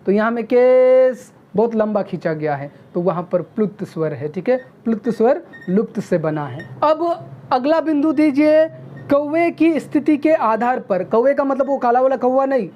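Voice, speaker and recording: A woman teaching a video grammar lesson, who often checks in with "okay?" and sounds out vowels slowly. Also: a little high, expressive, mellow. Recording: dull lo-fi recording.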